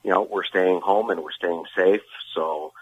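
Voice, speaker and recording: A man, a guest co-host chatting casually and pausing often with "uh". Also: deep voice, fairly even intonation, breathy edge, phone-quality sound. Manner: halting, many "uh" pauses. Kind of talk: casual interview chat.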